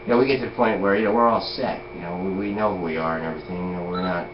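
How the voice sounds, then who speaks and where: Low-voiced and racing, a man in his forties rambles in casual conversation, filling it with "you know" and "like." Noise and echo from a lo-fi room color the recording.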